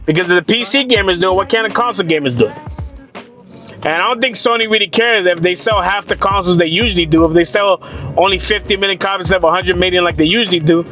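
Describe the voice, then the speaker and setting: Man, high-pitched, profane rambling rant, sarcastic, soft music underneath. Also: fast. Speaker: gaming commentator. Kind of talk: casual rant to camera.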